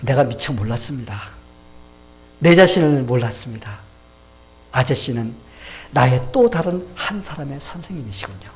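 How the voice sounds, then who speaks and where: A man's voice: medium pitch, lively intonation, moderate pace, long pauses, lightly acted. A man voicing a proud old male philosopher who has been humbled, in a sermon story. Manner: pleading loudly in the water scene.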